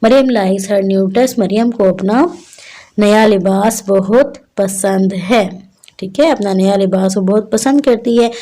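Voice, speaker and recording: A woman teacher, reading English lines slowly and explaining them to young children. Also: mid-range voice, dark tone. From Pakistan. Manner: addresses children as "beta" and "bachche". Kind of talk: classroom lesson explanation.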